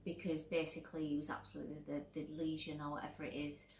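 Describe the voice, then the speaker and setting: A woman co-hosting a relaxed movie review chat, easygoing and full of fillers. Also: low-pitched, fast. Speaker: co-host. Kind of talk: casual chat. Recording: roomy echo with faint background noise.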